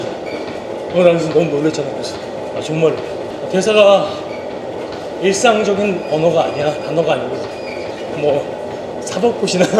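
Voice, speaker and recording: A man telling behind-the-scenes stories casually while slow running, acting out bits of dialogue as he goes. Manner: animated retelling, acting out quoted dialogue. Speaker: actor vlogging about his drama work. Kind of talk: casual storytelling chat to camera. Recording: echoey, noisy with rumbling ambience.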